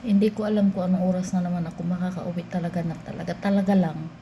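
A woman's voice: fairly low pitch, fairly even intonation, fast, warm tone, muffled recording. A woman vlogging in casual chat from her office, talking to herself and laughing often. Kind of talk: casual vlog talk. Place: office at work. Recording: echoey room with background noise.

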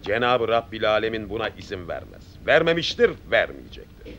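An actor playing a stern, resolute middle-aged army captain, speaking in measured, authoritative, oratorical sentences in a period film. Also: male voice, fairly low pitch, very animated, fairly bright tone, highs cut off, slight background noise. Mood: solemn, resolute. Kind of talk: period film drama acting.

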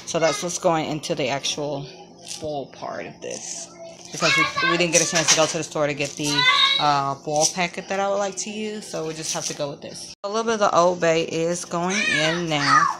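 A woman with a low-sitting voice chats casually at a moderate pace while cooking at her home stove, walking through each step with frequent ums. It's a cook-along narration for a home video, with heavy background noise.

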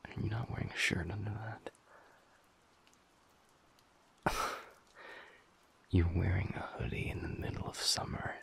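In an intimate audio roleplay, a man voices a teasing, affectionate werewolf boyfriend with a breathy, gravelly murmur pitched low and exaggerated. His manner is playfully mock-stern, scolding in an amused way.

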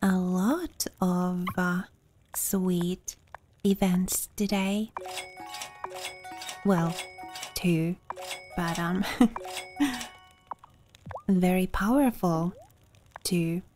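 Lady doing slow, hushed ASMR gaming commentary, kinda low voice. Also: steady tone, soft background music. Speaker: let's play gamer.

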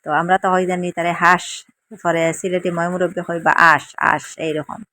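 A woman's voice: on the low side, little pitch movement, a little fast, bright, forceful tone, no echo. A middle-aged woman from Assam with a Sylheti accent, chatting homely and repetitive in a casual cooking vlog from her village kitchen. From Assam, India. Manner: chatty, homely, repeating words for emphasis. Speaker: village lifestyle vlogger. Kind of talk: casual cooking vlog, explaining dialect words.

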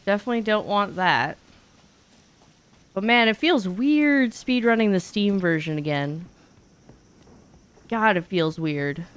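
Her voice is medium-pitched, animated and smooth, unhurried, broken by long pauses. She is a young streamer and speedrunner chatting casually during livestream gameplay in a small indoor home room, candid and sweary, thinking aloud into a close mic.

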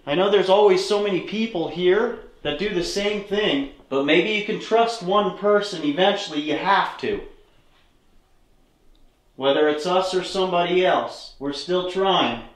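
A young man investigating a haunted building, speaking in a low, hushed tone as he calls out to spirits. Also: measured pace. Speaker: paranormal investigator. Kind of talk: ghost-hunting vlog. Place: inside an old, reputedly haunted building. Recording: echoey indoor room.

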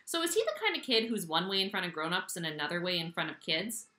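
A gentle, protective mother speaking softly to her son, as a woman reads her aloud. The voice is bright and lively, heard in an echoey room. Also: lowish voice, fast talker. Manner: gentle, concerned. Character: caring, protective mother of a young boy.

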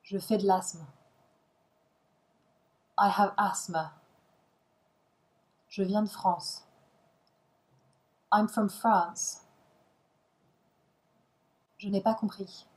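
A woman's voice: medium pitch, steady tone, drawn-out words, long pauses, rough recording. A woman reading short phrases for a language lesson, each one followed by its translation. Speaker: language teacher.

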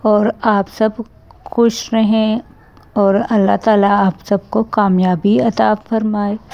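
A woman with a Pakistani Urdu accent hosting a home cooking vlog, speaking slowly and gently and adding pious blessings. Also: mid-range voice, clean tone, dull audio. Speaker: cooking channel host. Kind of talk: recipe vlog narration.

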